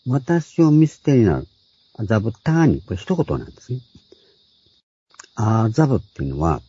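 An older man giving a measured, explanatory Bible sermon, working through scripture word by word and lifting his voice on the quotes. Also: low-pitched, dark tone, breathy edge, no echo. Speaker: Bible teacher. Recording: dull lo-fi dry recording.

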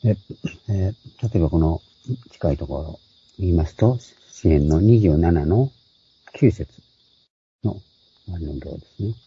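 An older man preaches slowly and explains scripture word by word, his low voice very dark and husky. It comes through a dull, lo-fi and dry recording. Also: lively intonation, a little hiss or hum. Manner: measured, explains word by word, voicing scripture quotes higher. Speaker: Bible teacher. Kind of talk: explanatory Bible sermon.

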